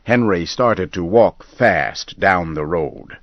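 Male narrator, story reading, calm, measured, very low voice, slow pace, slightly muffled recording. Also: vocal fry, dry recording.

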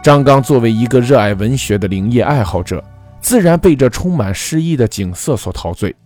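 Male narrator for a spooky folk tale, expressive and animated, faint music underneath. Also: medium pitch. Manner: measured, dramatic storytelling. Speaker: storyteller. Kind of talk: scripted ghost story narration.

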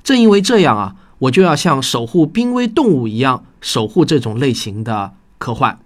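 A podcast host who writes science fiction talks earnestly to his listeners about his own writing, explaining things from a script. His medium-pitched voice swings widely in pitch, and his pace is moderate.

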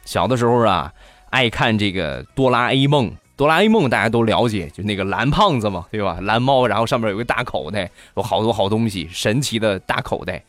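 A man telling funny childhood stories in a playful, animated monologue. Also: fairly low pitch, fairly quick, no room sound. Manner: lively, playful, animated delivery. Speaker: comedian. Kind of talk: comic storytelling monologue. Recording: dry studio with faint music.

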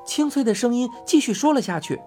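Expressive female storyteller. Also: a little high, a little fast, soft background music. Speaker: narrator. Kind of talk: storybook reading.

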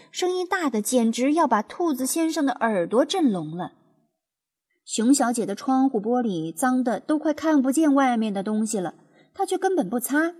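Woman, children's storyteller, animated pitch, fairly high voice, music underneath. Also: husky. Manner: expressive, lively storytelling. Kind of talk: scripted storybook narration. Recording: music playing behind.

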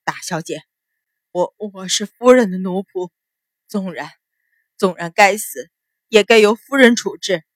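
A woman's voice: mid-range voice, animated, unhurried, long pauses, no echo, clean studio sound. A woman voicing a terrified male servant who trembles and stammers as he pleads for his life in an audiobook. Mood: trembling.

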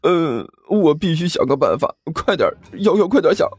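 A man's voice: on the high side, sing-song, moderate pace, a little mellow, breathy edge, no echo, voice pushed up. A man voicing a chubby, panicky schoolboy who whimpers, groans and stammers dramatically. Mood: fretting.

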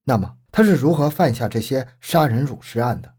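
A man tells a true-crime story as a scripted narration, measured and grave. His voice sits at an ordinary middle pitch with a husky, slightly rough edge. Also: animated, darkish tone.

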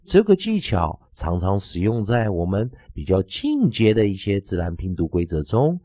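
A man's voice: lowish voice, huge pitch swings, moderate pace, dark tone, no echo. A man teaching an English phonics lesson, spelling out letters and repeating each sound and word several times.

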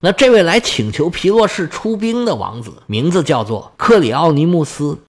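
Lively male history storyteller. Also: a little high, normal speed. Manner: lively, colloquial, joking asides.

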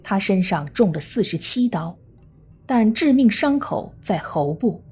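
A woman true crime narrator reading a scripted case story in a measured storytelling manner. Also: medium pitch, lively intonation, dark tone, husky. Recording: faint music under the voice. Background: faint background music.

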